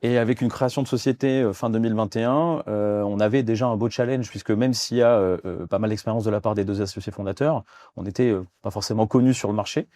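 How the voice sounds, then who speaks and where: A man's voice: on the low side, fast, warm tone, no room sound, clean studio sound. A man in his thirties from France, a guest in a business interview, talking with many fillers and restarts. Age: 30s. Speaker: guest, fund development director.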